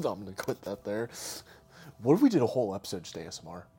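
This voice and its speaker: A man's voice: lowish voice, huge pitch swings, fast, warm tone, breathy edge. A man co-hosting a podcast, trading jokes in teasing, laugh-filled banter. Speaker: podcast co-host. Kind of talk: casual chat.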